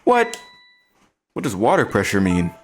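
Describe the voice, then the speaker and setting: A man voicing a small, cheerful girl in a game dub, squeaky and childlike. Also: sing-song, a little fast, a little mellow, soft background music. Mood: confused.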